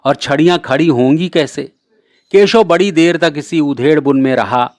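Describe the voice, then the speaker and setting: A man narrating a classic short story in a measured, clear reading voice. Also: a little high, no room sound, studio quality.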